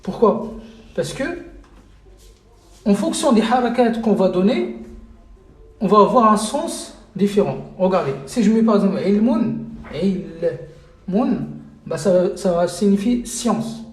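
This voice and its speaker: A man's voice: sits high, lively intonation, measured pace, long pauses, echoey room. A man teaching a live online lesson as an Arabic teacher, hesitant with many fillers and repeated checks that listeners follow.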